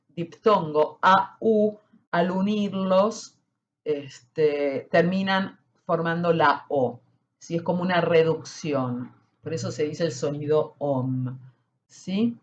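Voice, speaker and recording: Woman, spiritual teacher; very slow and deliberate, keeps checking in, muffled lo-fi sound. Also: lowish voice, a bit bright. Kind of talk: slow explanatory teaching talk.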